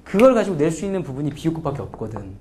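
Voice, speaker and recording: A man lectures on English grammar with a high voice that leaps up and down. He keeps asking the class questions and sounds out example words syllable by syllable. He slides between casual and polite speech. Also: rapid-fire, slight background noise. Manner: lively, asks students frequent questions; acts out pronunciations.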